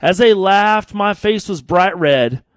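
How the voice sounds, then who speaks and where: A man's voice: high-pitched, lively intonation, takes it slowly, no room sound. An American man with a folksy cowboy drawl, talking and storytelling as a cowboy poet in a radio studio.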